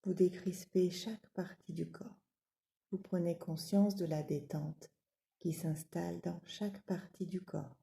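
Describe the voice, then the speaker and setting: Her voice is fairly low and creaky as she guides a yoga nidra relaxation. She speaks in a measured, soothing way, pausing at length between gentle instructions.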